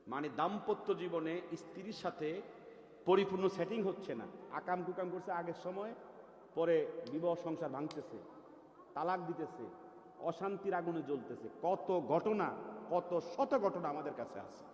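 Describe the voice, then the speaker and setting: A man preaching a sermon, telling a lively story, swinging from loud to quiet and asking his listeners questions. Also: on the high side, normal speed. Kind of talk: Bengali waz sermon with storytelling. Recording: echoey, reverberant venue.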